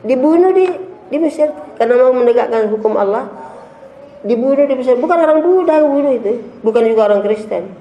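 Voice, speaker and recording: A man's voice: extremely high pitch, expressive, fairly quick, warm tone, a little hiss or hum. A man preaching to a gathering, emphatic and scornful, firing off rhetorical questions. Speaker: religious leader giving a talk. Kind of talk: preaching sermon. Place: large gathering hall. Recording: echoey room.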